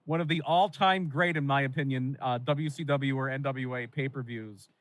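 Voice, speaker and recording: A man's voice: mid-range voice, fairly even intonation, normal speed, a bit bright, dry recording, low-quality recording. A man from Pennsylvania co-hosting a wrestling podcast, telling nostalgic stories with lots of fillers. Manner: rambling, nostalgic storytelling with fillers. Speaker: podcast co-host. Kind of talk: casual wrestling podcast chat.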